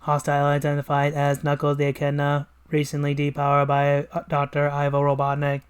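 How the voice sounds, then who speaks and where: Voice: mid-range voice, fairly quick, smooth, close to an everyday voice. A reader doing a cold metallic robot double. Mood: mechanical. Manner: clipped, monotone robot announcements. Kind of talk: comic read-along voice acting.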